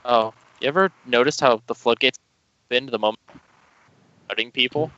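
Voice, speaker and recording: A man's voice: mid-range voice, moderate pace, bright, forceful tone, no echo. Man, blunt casual talk, voice cutting in and out, muffled lo-fi call audio, dead-dry sound. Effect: voice cutting in and out from a faulty mic. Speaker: participant in an online group discussion. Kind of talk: casual heated chat. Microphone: faulty headset or desk mic on a voice call. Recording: lo-fi voice-call mic, dropping out.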